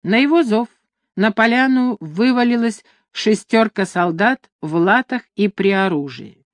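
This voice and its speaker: A woman reading a historical novel aloud, narrating in an even, expressive storytelling manner. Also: medium pitch, unhurried, no echo. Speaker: audiobook narrator. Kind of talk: scripted narration.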